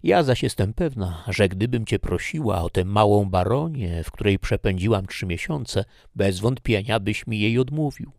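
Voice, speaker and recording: A man's voice: lowish voice, lively intonation, normal speed, gravelly, few pauses, darkish tone, dry recording, studio quality, voice pushed up. A man voicing a capricious, passionate young woman who speaks vehemently and theatrically. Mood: coaxing, reproachful.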